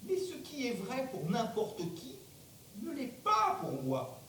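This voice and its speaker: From far off in an echoey theatre comes an arrogant, blustering power broker. He declaims slowly and emphatically, in a very high voice full of angry denial. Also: wildly swooping pitch, full character voice. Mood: insistent, proud. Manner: emphatic, declamatory, bursts into shouting. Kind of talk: theatrical stage monologue. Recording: distant mic, very echoey theatre, rumbling noise.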